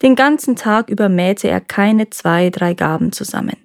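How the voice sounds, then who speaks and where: Brief: a woman storyteller, calm and measured fairy-tale reading, close and dry. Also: mid-range voice, dry recording. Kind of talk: reading a folk tale aloud.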